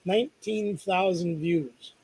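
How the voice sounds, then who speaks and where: A man's voice: high-pitched, slow, darkish tone, slightly rough, low-quality recording. A middle-aged man co-hosting a live stream, chatting casually with an easygoing, joking manner. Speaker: co-host.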